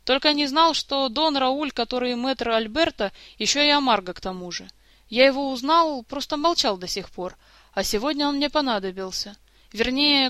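A woman voicing a grumbling, sarcastic male jester and thief in an audiobook story, gruff and mocking. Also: extremely high pitch, sharp tone, no room sound, pitched above the performer's own voice.

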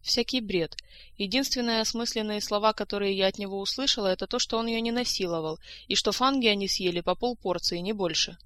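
A woman voicing a tired, sharp-tongued female doctor who grumbles and complains. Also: medium pitch, brisk, natural voice. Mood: grumbling. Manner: grumbling, exasperated.

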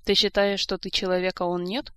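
A woman reading the lines of a gentle, wise young woman who speaks calmly and reproachfully. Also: mid-range voice, a little fast, smooth, dry recording, natural voice.

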